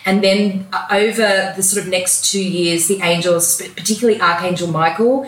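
A woman's voice: mid-range voice, fairly even intonation, moderate pace. A woman spiritual coach telling her story earnestly as an interview guest. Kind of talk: interview conversation. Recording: roomy echo.

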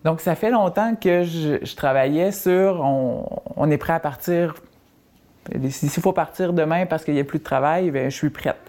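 A woman's voice: low-pitched, moderate pace, dark tone. A woman with a Quebec French accent, a guest who talks about moving often, restless and repeating herself. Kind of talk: interview testimony.

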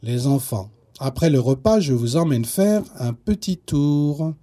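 Man playing a calm dad in a kids' story, mellow and patient. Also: mid-range voice, a little slow. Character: kind father guiding the children. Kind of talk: storybook narration.

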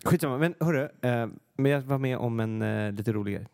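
A man's voice: mid-range voice, vocal fry, a little mellow, clear, resonant tone, dry recording, clean studio sound. A man co-hosting a podcast in casual chat, telling anecdotes and often laughing. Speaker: podcast co-host.

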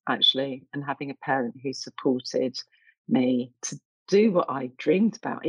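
A middle-aged woman with an East London accent and a husky, creaky voice, telling personal stories reflectively in conversation. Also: rumbling low, dry recording, rough recording. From East London, England. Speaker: interviewed artist.

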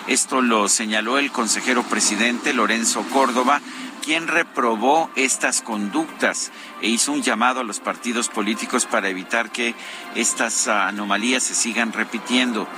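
A man hosting a morning news broadcast from an improvised booth on an open-air terrace, reading the news in a relaxed, conversational way. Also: mid-range voice, moderate pace, music in the background. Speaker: radio news host. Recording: outdoor broadcast with traffic noise. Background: street and vehicle noise.

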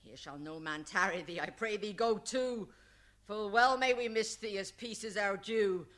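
Brief: Mrs Noah, played by a man, shrill, piercing, mocking nag. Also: moderate pace, sharp tone. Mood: scornful. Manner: scolding, mocking. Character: shrewish stubborn old Mrs Noah. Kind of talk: old-style verse play.

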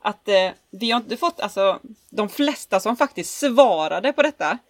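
A woman's voice: mid-range voice, animated, no echo, clean studio sound. A woman co-hosting a podcast in casual chat, often laughing as she tells stories. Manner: giggly, laughs often while telling stories. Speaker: podcast co-host.

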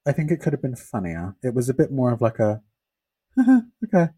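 A man's voice: mid-range voice, lively intonation, a little fast, dark tone, slightly rough, dry recording. A young man, co-hosting a podcast in sassy, opinionated chat. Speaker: podcast co-host. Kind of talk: casual chat.

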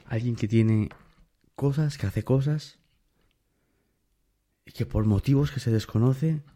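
A man's voice: mid-range voice, slow pace, warm tone. A man telling a personal story in a casual monologue, emphatic and speaking straight to the listener. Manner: emphatic, addresses the listener directly.

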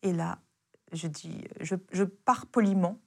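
A young adult woman, a former intelligence officer, casually retelling a dangerous encounter in a lively, slangy way with many fillers. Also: fairly low pitch, a little slow, vocal fry. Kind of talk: casual spoken storytelling.

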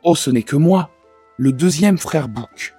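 Male narrator as the middle storybook goat, husky and lively. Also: on the high side, unhurried, faint music behind. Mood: pleading. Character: middle billy goat, not so small voice.

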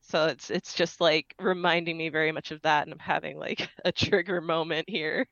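A woman's voice: sits low, steady tone, moderate pace, gravelly, fairly bright tone, no echo, muffled recording. A woman guest on a podcast, explaining things earnestly in a casual discussion with fillers.

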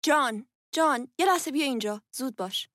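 An actress playing a tall, busy mother of two who calls out loudly to her family in an audio drama. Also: on the high side, dry recording, studio quality, natural voice. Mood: hurried.

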